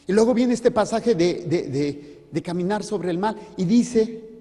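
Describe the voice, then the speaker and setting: Priest, high voice, playful sermon full of questions to the crowd, long church reverb. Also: male voice, lively intonation, a little slow, warm tone, husky. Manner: joking, asks the congregation questions. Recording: reverberant hall.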